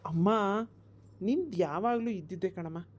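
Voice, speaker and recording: A woman voicing a grown village son in a cartoon, calmly reassuring his worried mother. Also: on the low side, moderate pace, muffled recording, slight background noise, close to an everyday voice. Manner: reassuring, explanatory. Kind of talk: cartoon voice acting.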